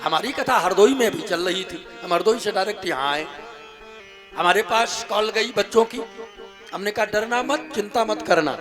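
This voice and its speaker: A male preacher giving an emphatic religious discourse on stage, with rhetorical questions, then leading slow devotional singing. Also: high-pitched, lively intonation. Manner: emphatic, rhetorical questions, sings kirtan slowly. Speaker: kathavachak preacher. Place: outdoor religious gathering stage. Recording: live stage audio with music behind. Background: devotional music.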